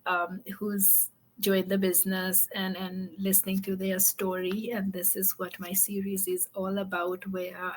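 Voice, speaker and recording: A woman's voice: medium pitch, slight background noise. A woman from Fiji hosting an online interview, upbeat and friendly, with many fillers. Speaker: host.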